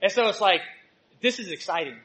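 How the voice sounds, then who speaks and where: A male church teacher preaches a sermon full of personal stories, swinging from loud exhortation to soft asides. His high voice is expressive and a little fast, and the audio quality is poor.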